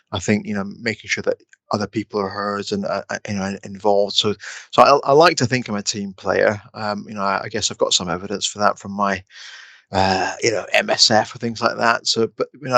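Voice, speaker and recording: A middle-aged man speaks in a bright, fairly low voice, stumbling over restarts as he answers questions. His delivery stays flat and even. The recording is dry and close. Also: no echo. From Scotland. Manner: hesitant, many restarts and fillers. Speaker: guest, respiratory consultant. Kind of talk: casual interview answers.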